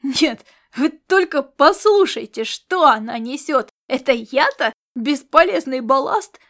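Woman doing a hot-headed mercenary guy, defensive, raised voice, audiobook character, fairly high. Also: a little slow. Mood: angry. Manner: indignant, defensive, yelling back. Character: defensive hot-tempered male space mercenary.

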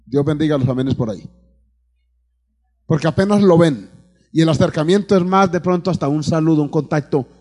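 A man's voice: fairly high pitch, fairly quick, long pauses, a little mellow. A man with a Colombian accent preaching to his congregation as a pastor in church, calling out amens and asking them questions, often repeating words as he searches for the next one. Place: church before a live congregation.

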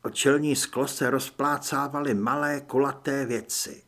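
A man reading first-person audiobook narration in an expressive way. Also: medium pitch.

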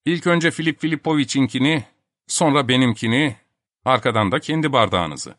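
A man's voice: mid-range voice, moderate pace, fairly bright tone, dry recording, studio quality, voice pushed up, close to an everyday voice. A man voicing a stern young doctor who lectures in a formal, polite way.

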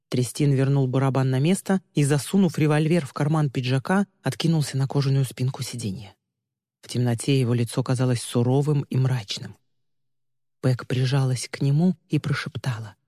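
A man narrating an audiobook with steady, even storytelling. His voice is warm and dark, recorded dry up close but with a long reverb tail. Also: medium pitch. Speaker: audiobook reader.

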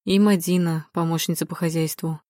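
A composed middle-aged family head, read by a woman narrator, going through the list in an even, matter-of-fact tone. The voice sits low and close, with a dry storybook sound. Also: a little fast, dry recording, natural voice.

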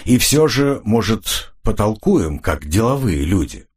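A calm, persuasive Englishman in an audiobook thriller, measured and placating, as a male narrator voices him. His husky voice sits low but moves lively in pitch. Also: exaggerated voice.

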